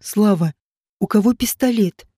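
A woman's voice: medium pitch, measured pace, mellow, husky, dry recording, clean studio sound. A woman voicing a blunt, teasing former cop who pushes a rich woman to divorce, read in an audiobook. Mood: coaxing. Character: man, a brash ex-cop wooing a rich woman. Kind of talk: audiobook character reading.

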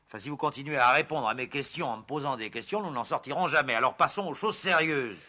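An actor in an old French radio show playing a stern, impatient police inspector, probing and authoritative. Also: male voice, medium pitch, quick pace, bright, forceful tone. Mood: exasperated.

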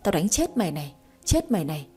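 A woman's voice: on the low side, big pitch swings, quick pace, mellow, slightly rough, faint music behind. A woman putting on a harsh, cruel father. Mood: harsh scolding. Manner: harsh, scolding, insulting. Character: cruel abusive rural father, gambler, harsh.

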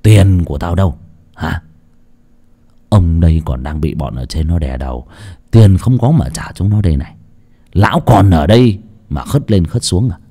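A man voicing a rough, bullying male debt collector who barks his threats. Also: medium pitch, big pitch swings, brisk, close to an everyday voice. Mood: menacing. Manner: barking, bullying.

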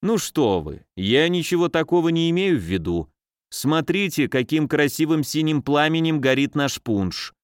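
A man's voice: fairly high pitch, lively intonation, moderate pace, clear, resonant tone, no room sound, studio quality, natural voice. A man reading an audiobook, playing a sly, mocking male footman who likes to tease and play pranks. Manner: sly, teasing.

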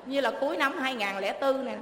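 A woman's voice: sits high, lively intonation, quick pace, a little hiss or hum. A middle-aged woman with a Southern Vietnamese accent, telling her own life story in an emotional, pleading rush of words. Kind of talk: emotional personal testimony. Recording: echoey hall with faint ambience.

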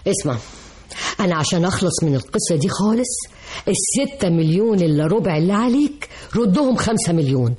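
A woman's voice: fairly low pitch, animated, fast, mellow, natural voice. An actress with an Egyptian accent playing a domineering wealthy older businesswoman and mother in a radio drama, speaking in a commanding way. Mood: stern. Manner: imperious, commanding.

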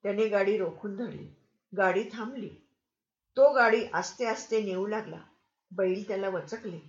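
A woman reading a story aloud as an audiobook narrator, in an expressive and measured way. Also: mid-range voice. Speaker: audiobook reader. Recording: roomy, slightly dull recording.

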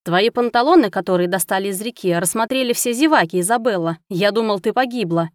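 A woman's voice: medium pitch, brisk, dry recording, clean studio sound, natural voice. A woman voicing a stern, domineering male prosecutor who growls his lines. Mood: angry. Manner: growling and menacing.

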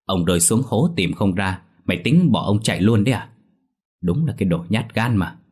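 A man voicing a gruff old grandfather who digs up graves, bossy and cursing, in a spoken ghost story. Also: lowish voice, lively intonation, normal speed, a little mellow. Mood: scolding. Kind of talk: audiobook character voice.

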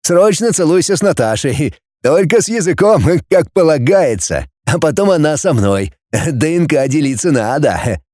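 A bantering young man cracks jokes in a lively, pitch-swinging voice, voiced by a male narrator. The tone is warm-dark and dry in this storybook reading. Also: normal speed, no room sound, lightly acted. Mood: teasing. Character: joking, teasing young man.

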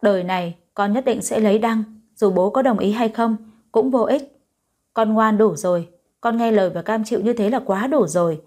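Woman doing a young girl, stubborn and teary, pleading, soft warm tone. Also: mid-range voice, moderate pace, lightly acted. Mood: defiant. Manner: pleading, emotional.

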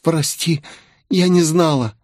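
A man's voice: fairly high pitch, slow pace, a little mellow, no room sound, studio quality, voice pushed up. A man voicing a frightened young woman soldier who pleads in a shaky, tearful voice. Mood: shaken.

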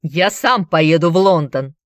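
A woman voicing a burly middle-aged male cobbler who shouts commands over a crowd, in an audiobook reading. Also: lowish voice, unhurried, dry recording, studio quality, natural voice. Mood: commanding.

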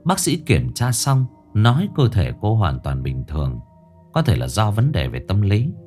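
A man's voice: on the low side, huge pitch swings, a little slow, darkish tone, soft background music. A man narrating a ghost story in a dramatic reading.

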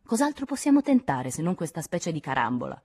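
A heated, insistent male activist, as a woman reads him aloud in an audiobook. The voice stays low and husky, pressing hard and reproaching the listener. It sounds dark and weighted rather than bright. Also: big pitch swings, fast, heavily acted. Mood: irritated. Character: vehement middle-aged male communist activist.

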